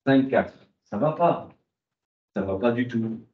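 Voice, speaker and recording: A man's voice: mid-range voice, lively intonation, slow pace. A man lecturing a university class, asking rhetorical questions and answering them himself. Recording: muffled, echoey classroom.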